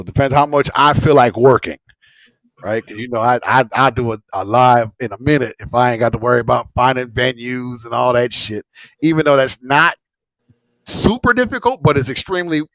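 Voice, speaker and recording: A man's voice: fairly high pitch, a bit bright, no echo. A man hosting a casual livestream chat, rambling and repeating himself with slang and frequent swearing. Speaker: host of a live smoke-session stream.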